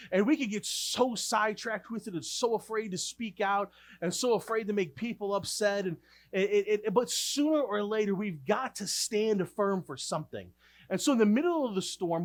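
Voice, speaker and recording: A high-pitched man preaching a sermon with strong emphasis, often stumbling over and repeating words as he presses each point. His delivery swells louder on the key lines. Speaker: pastor.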